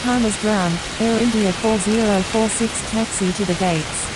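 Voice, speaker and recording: Voicing a no-nonsense airline pilot calling over the radio in a flight simulator game, this woman keeps her read-backs clipped and procedural. Her mid-range tone stays steady and her pace measured, all under heavy hissing static.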